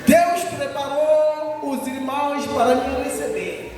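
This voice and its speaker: A man from Mozambique with a Mozambican Portuguese accent, a missionary preacher telling his testimony with animated laughter and exclamations. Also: very high-pitched, takes it slowly, a little hiss or hum. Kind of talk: sermon testimony. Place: large echoey church hall. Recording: echoey hall, distant mic.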